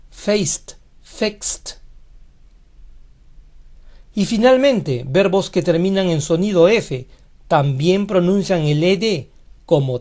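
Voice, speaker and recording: A teacher walks through a scripted pronunciation lesson at a very slow, unhurried pace. Each example word is said carefully and then repeated, in a voice of middling pitch. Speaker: English teacher.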